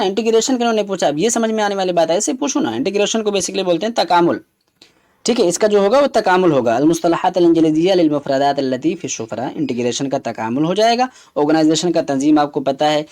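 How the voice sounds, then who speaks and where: A man runs through exam questions, explaining each answer step by step. His voice sits a little high but sounds dark and mellow. He slips English terms into his teaching. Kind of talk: exam prep lesson.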